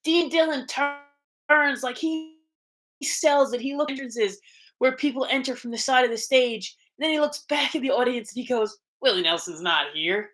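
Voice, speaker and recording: A woman's voice: high-pitched, moderate pace, a bit bright. Rambling young woman chatting casually. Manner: rambling, restarts often, emotional. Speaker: co-host of a paranormal channel. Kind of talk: casual live-stream chat.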